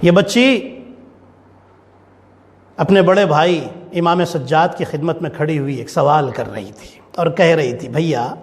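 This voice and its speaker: Man preacher, high voice, mourning sermon, impassioned, chanting lament, long hall reverb. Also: pauses often.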